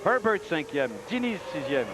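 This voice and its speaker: A man with a Quebec French accent giving excited live motorsport commentary as lead announcer. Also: a little high, normal speed. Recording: loud race-car engine noise. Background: loud cars at an outdoor race track.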